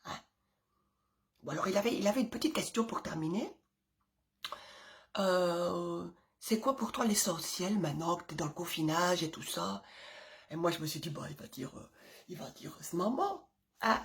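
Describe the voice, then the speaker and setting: A woman's voice: fairly low pitch, lively intonation, normal speed, long pauses. A middle-aged woman and mother chatting casually to her audience, rambling with many asides and fillers, often dropping to a whisper. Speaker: vlogger, mother of several children. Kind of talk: casual chatty monologue to camera.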